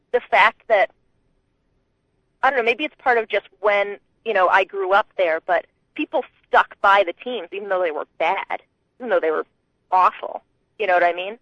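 A woman from New England calling a sports radio show, chatting in an animated, laughing way with lots of restarts, on a phone line. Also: mid-range voice, no echo. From Connecticut, New England. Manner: chatty, laughing, animated, talks over herself. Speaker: radio caller.

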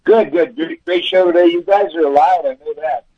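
A man's voice: a little high, normal speed, no echo. A man calling in to a radio show, his voice coming through a metallic, tin-can sounding phone line. He greets the hosts in a friendly, chatty way. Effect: tinny, metallic tin-can phone sound. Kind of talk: casual call-in chat. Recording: tinny, muffled phone line.

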